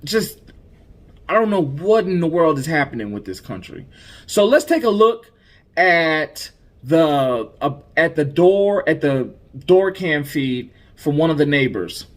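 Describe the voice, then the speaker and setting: Indignant male podcast host, lively pitch. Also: a little slow. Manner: indignant, emphatic, with frequent repeated restarts. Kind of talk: news commentary podcast.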